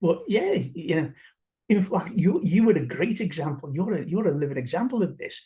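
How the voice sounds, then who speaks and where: A man chatting casually, halting and restarting his sentences often. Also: on the high side, big pitch swings, dark tone. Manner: halting, many restarts and fillers. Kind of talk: casual conversation.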